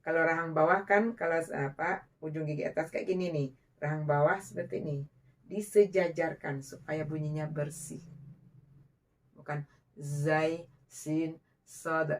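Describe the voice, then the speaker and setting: A woman's voice: low voice, fairly even intonation, moderate pace. An Indonesian woman teaching Quranic letter pronunciation, patiently modeling and repeating each letter sound. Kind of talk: slow instructional explanation with demonstrations.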